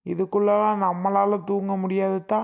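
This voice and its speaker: A woman's voice: medium pitch, little pitch movement, normal speed, creaky, darkish tone, lightly acted. A woman doing a grumbling village uncle. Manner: grumbling, teasing. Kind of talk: cartoon voice acting.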